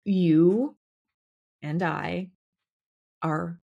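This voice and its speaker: Reflective woman podcast co-host, lowish voice. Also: fairly even intonation, vocal fry, mellow, muffled recording. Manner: reflective, halting, many fillers. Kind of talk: casual podcast conversation.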